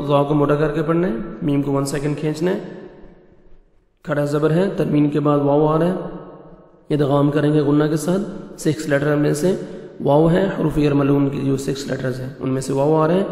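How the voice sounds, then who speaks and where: A man teaching Quran recitation, explaining each letter's pronunciation in brisk steps and chanting verses slowly and melodically. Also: on the high side, mellow, reverberant, in a large hall.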